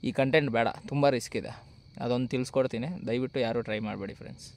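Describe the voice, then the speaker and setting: A nervous man with a Kannada accent and a medium-pitched voice talks very fast while ghost hunting outdoors in a forest at night for a vlog. He switches between hushed asides and loud shouts into the dark, with slight background noise present.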